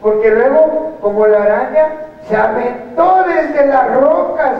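An actor playing a high-voiced old man, telling his dream in halting bits in a comedy sketch. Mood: storytelling. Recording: distant, dull, very echoey room.

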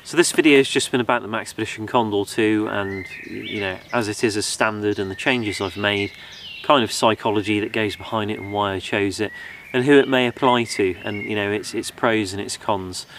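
A man's voice: on the low side, normal speed, a bit bright, slight background noise. A young man hosting a bushcraft channel, casually talking through his gear outdoors in a forest, rambling with many ums and you knows.

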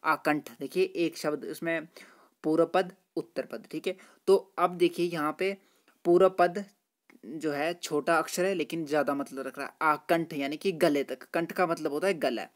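A man's voice: on the high side, fairly even intonation, moderate pace. A friendly male teacher walks through exam questions one at a time in a chatty tutorial voice. He fills his explanations with "ठीक है" and "दोस्तों" and explains each answer patiently.

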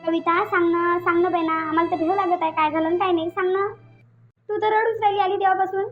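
A woman's voice: very high-pitched, fairly even intonation, fast, phone-quality sound, soft background music. A woman voicing a caring, worried elder sister-in-law who coaxes and reasons, with a Varhadi Marathi accent. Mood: coaxing. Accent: Vidarbha Marathi (Varhadi). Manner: coaxing, worried. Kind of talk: cartoon voice acting.

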